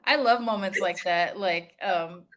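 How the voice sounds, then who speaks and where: A woman's voice: fairly low pitch, measured pace. A woman from the United States hosting a podcast, telling stories in casual chat and laughing often. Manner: animated storytelling, laughs often. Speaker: podcast host.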